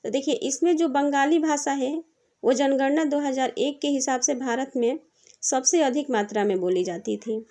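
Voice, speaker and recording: Woman teacher doing exam prep, high voice but mellow, reads every question twice then goes over it patiently. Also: normal speed.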